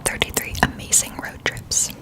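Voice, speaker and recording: A woman in a whispered role-play, chatting as if to a close friend, keeping hushed and quiet at night so nobody wakes. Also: moderate pace. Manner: quiet at night, hushed so as not to wake others. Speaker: ASMR performer.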